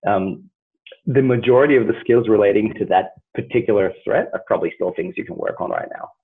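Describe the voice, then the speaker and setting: A man talks in a low, husky voice through a tinny, phone-like line. He speaks earnestly and hedges often, with lots of "you know" and fillers. It sounds like a relaxed conversation. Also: brisk. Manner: earnest, hedging with many fillers. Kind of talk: casual conversation.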